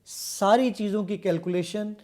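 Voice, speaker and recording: A man with a Pakistani Urdu accent demonstrating a software app step by step as a guest in a television studio. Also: high voice. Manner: eager, explanatory, walking through features step by step. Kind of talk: product demonstration on a TV show.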